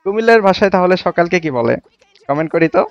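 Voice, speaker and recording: A man hosts a casual livestream chat, reading viewers' comments out loud and quizzing them in a fast, animated, creaky voice that sits high. The sound is muffled but has no echo.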